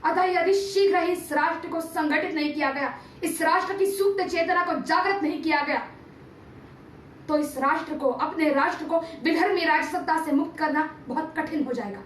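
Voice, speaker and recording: A woman with a high voice and moderate pace performs a theatrical monologue from a TV serial, playing a stern, patriotic male teacher-statesman of ancient India. She is an amateur, speaking solemnly and declamatorily in formal language; the recording is roomy and distant, with faint background noise.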